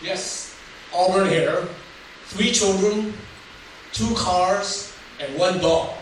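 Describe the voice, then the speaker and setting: Speaking very slowly in a voice that sits high, an older man whose first language is Taiwanese tells his life story as a comic public speech. He laughs at his own jokes, and the noisy recording comes from far back in a spacious hall.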